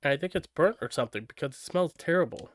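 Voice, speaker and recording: A man's voice: a little high, expressive, fast talker, dry recording, clean studio sound. A man reading aloud and voicing a stubborn, feisty young girl who talks bluntly and with sass. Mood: blunt sassy. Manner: blunt, sassy, exasperated.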